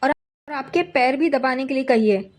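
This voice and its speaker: A woman's voice: high-pitched, moderate pace, a little mellow, pitched above the performer's own voice, natural voice. A woman reading a cheeky, spoiled young wife. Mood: dismissive.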